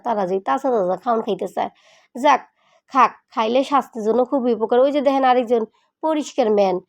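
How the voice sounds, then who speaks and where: A middle-aged woman with a colloquial Bangladeshi Bengali accent, chatting in a home vlog while cooking in her kitchen and playfully scolding and coaxing her cats. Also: high voice. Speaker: pet vlogger.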